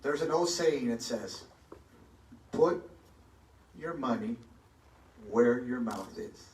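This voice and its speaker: The Texan running for mayor speaks slowly with a medium-pitched, darkish voice and lively intonation. Standing on stage in a large hall with a handheld mic, he gives a confident, emphatic answer to a forum question. The phone recording is distant and echoey.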